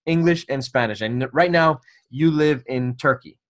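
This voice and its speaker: A man's voice: medium pitch, moderate pace, a bit bright. Chatty joking male podcast host. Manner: friendly, joking, many restarts and repeated words. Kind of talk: casual interview chat.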